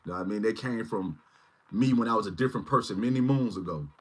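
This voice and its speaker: A man's voice: on the low side, fast, slightly rough. A man in his forties hosting a casual livestream, rambling and often asking "you know what I mean". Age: 40s. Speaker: channel host.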